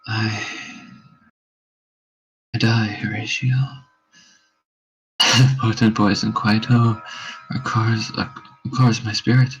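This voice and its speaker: A man performs a noble prince on his deathbed in a stage tragedy, faint and breathy. The voice is low and slow, halting as life fails. The recording is dull. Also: level tone, soft background music. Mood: dying, halting. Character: dying Danish prince, anguished, noble, failing. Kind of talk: amateur read-through of Shakespeare verse drama.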